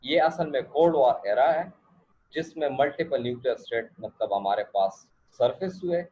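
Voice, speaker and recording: A man's voice: mid-range voice, lively intonation, moderate pace, dark tone, husky. A male lecturer, teaching a class and often checking that students follow, with English asides. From Pakistan. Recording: dull lo-fi recording.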